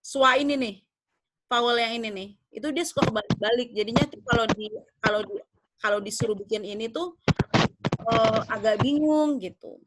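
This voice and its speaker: Young woman, English teacher, slightly high voice, drills words slowly, checks understanding. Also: heavy background noise. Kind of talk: online pronunciation lesson.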